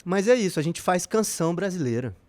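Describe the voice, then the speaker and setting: Brief: Brazilian man, musician guest on a podcast, reflective, rambling, pitched a bit high. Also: animated, brisk, a little mellow. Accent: Brazilian Portuguese. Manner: reflective, rambling with many fillers. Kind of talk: casual podcast interview.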